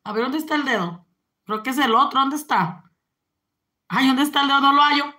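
A woman's voice: high-pitched, brisk, bright, forceful tone. A woman, chatting casually on a live stream and greeting viewers. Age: 40s.

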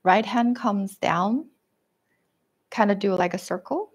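A woman teaching a live tai chi class at home, giving gentle step-by-step cues with a quick "right?" or "okay?" between them. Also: mid-range voice, breathy edge. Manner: gentle guiding cues with frequent "right?" and "okay?", self-deprecating laughs. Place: living room at home. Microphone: webcam and room mic while moving around.

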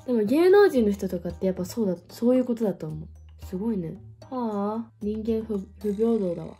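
A woman's voice: mid-range voice, lively intonation, brisk, dark tone, breathy edge, soft background music. A woman of about twenty talking casually to camera as a vlogger, rambling with lots of fillers and playful self-mocking asides. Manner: rambling, chatty, with frequent fillers. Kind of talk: casual solo chat to camera.

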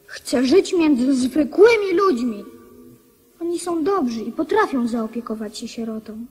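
A woman's voice: high voice, expressive, a little slow, a little mellow, husky, full character voice. An actress playing an earnest, resolute young boy king in a radio drama, with a solemn, declarative manner.

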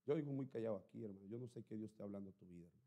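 A male pastor preaching a sermon with fervor. He moves between quiet asides and loud outbursts and jokes bluntly with his congregation. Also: lowish voice, very fast. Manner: fervent preaching, swinging from quiet to shouting.

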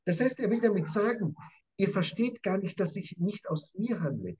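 A man's voice: high voice, very animated, moderate pace, darkish tone, a little hiss or hum. A man lecturing as a professor on a Bible passage, emphatic and repetitive, often turning to his interviewer by name. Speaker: professor teaching scripture. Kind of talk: animated conversational Bible lesson.

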